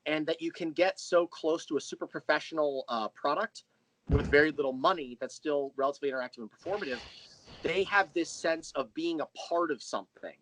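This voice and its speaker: A man with a fairly high voice, talking a little fast over a noisy background, appears as an interview guest. He's an audio drama writer and creator who chats casually and explains things at length with enthusiasm.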